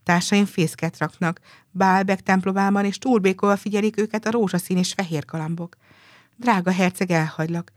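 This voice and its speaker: A woman voicing a little kind-hearted swallow who longs for the warm south, in a gentle storybook telling. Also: on the low side, no room sound, clean studio sound, natural voice.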